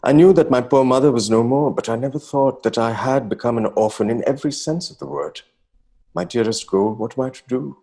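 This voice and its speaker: Portraying a young Bengali poet of the nineteenth century, a man with an Indian accent reads his letters theatrically in a slightly husky, mellow, medium-pitched voice. He speaks a little fast, anxious and self-dramatising, using ornate, exclamatory stage-play lines with a distressed, urgent mood.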